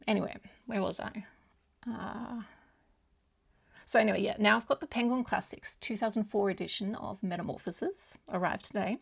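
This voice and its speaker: A woman whose first language is German chats casually with viewers as a book vlogger, rambling and hesitant and often losing her thread. Her mid-range voice is gravelly, with a breathy edge.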